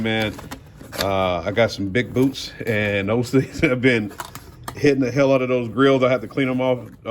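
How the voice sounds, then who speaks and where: There's a little hiss or hum behind this fairly low-pitched man as he hosts a car audio channel. He chats casually through a product unboxing, using words like "y'all" and "man" for his viewers.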